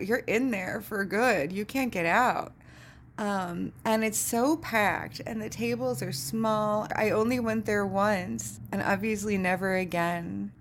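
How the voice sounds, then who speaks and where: A woman's voice: mid-range voice, slight background noise. Sardonic woman telling a story. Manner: sardonic, animated, laughs often, swears freely. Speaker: podcast host. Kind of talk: casual storytelling monologue.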